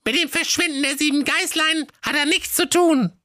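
A man voicing a young girl detective, bossy and triumphant, in a squeaky falsetto. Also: steady tone, moderate pace, no room sound, studio quality. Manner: squeaky falsetto, sharp and commanding.

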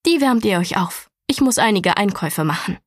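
A woman's voice: medium pitch, expressive, moderate pace, no echo, clean studio sound, close to an everyday voice. A woman voicing a strict middle-aged aunt who scolds and gives curt orders. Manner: commanding, scolding.

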